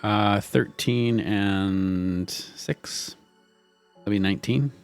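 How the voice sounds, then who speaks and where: A man's voice: lowish voice, drawn-out words, clean tone, faint music behind. A man playing a tabletop role-playing game, casually asking questions with hesitant repetitions. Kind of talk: casual in-character game play.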